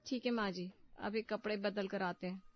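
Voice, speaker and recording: A woman voicing a proud young wife from a village who snaps back with quick, folksy retorts, over faint music. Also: medium pitch, steady tone, natural voice. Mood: plain. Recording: muffled, faint background music.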